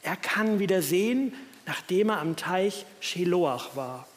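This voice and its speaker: A man gives a sermon with a fairly high voice and a reflective manner, reading scripture passages aloud. His words ring out with a long reverb from the church around him. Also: expressive, unhurried. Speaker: preacher.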